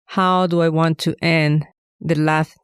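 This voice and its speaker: A woman's voice: low-pitched, little pitch movement, takes it slowly, smooth, dry recording, clean studio sound. A middle-aged woman from Venezuela, telling her story as an interview guest in an earnest, reflective way. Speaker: guest, bakery owner. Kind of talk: casual interview answers.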